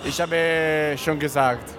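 A man's voice: a little high, fairly even intonation, takes it slowly. Young Italian male art student, thoughtful, searching for words, with a busy crowd around him. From Italy. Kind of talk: casual interview. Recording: outdoors with crowd noise.

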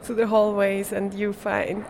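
A woman's voice: mid-range voice, monotone, measured pace, darkish tone. Young swiss woman talking english with a german accent, lots of uhs and little laughs, slight noise behind. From Switzerland. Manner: hesitant, searching for words, laughs often. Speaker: performance artist. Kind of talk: interview answers.

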